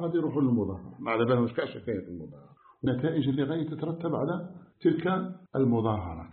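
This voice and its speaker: A man with an Algerian Arabic accent gives a religious lesson. He tells a story, voices the people in it, and then turns to forceful preaching. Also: fairly high pitch. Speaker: sheikh teaching a religious lesson. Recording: tinny phone-like lecture recording in an echoey room.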